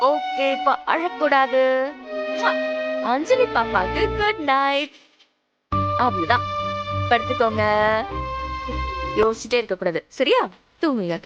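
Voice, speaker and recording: A tender young stepmother in a family TV drama, speaking gently and coaxingly to calm a crying little girl. Her voice sits slightly high, with soft music under the scene. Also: highs cut off. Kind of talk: TV serial acting.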